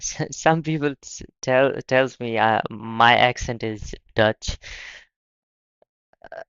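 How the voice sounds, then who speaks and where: A young man from Pakistan hosting a casual live stream, talking haltingly and often repeating his words. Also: medium pitch, a bit bright, smooth, no room sound, highs cut off. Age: young adult. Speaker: livestream host.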